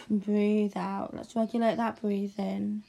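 A woman speaking softly and soothingly in an ASMR caregiver roleplay, slipping into hushed whispers. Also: mid-range voice, vocal fry. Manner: soft, soothing, slow and hushed, often drifting into whispers.

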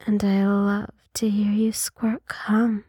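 A woman in an intimate adult ASMR role-play, speaking in a sultry, teasing, breathy way like a seductive narrator. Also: medium pitch, flat delivery, takes it slowly, warm tone, no room sound, clean studio sound. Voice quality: husky, breathy.

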